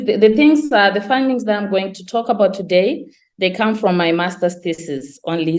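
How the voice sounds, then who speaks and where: A woman's voice: on the low side, darkish tone. A young woman from Zimbabwe giving a conference talk on her master's research, explaining step by step with some fillers and restarts. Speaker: presenter of her master's thesis. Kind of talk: conference presentation.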